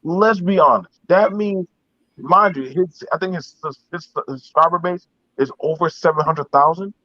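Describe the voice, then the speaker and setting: A man's voice: a little high, moderate pace, no room sound, lo-fi sound. A man in a casual, heated online discussion, speaking emphatically and repetitively with heavy swearing.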